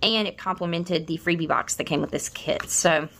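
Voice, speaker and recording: A woman's voice: fairly low pitch, moderate pace, fairly bright tone, slight background noise. A middle-aged woman chatting casually while showing off planner kits, rambling with many restarts and a tender, wistful tone. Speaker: planner vlogger.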